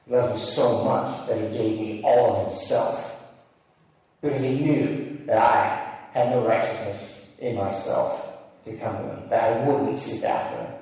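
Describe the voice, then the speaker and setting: A man's voice: mid-range voice, a little mellow. A man preaching a sermon as a pastor, earnest and emphatic, often asking rhetorical questions. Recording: echoey hall, mic at a distance.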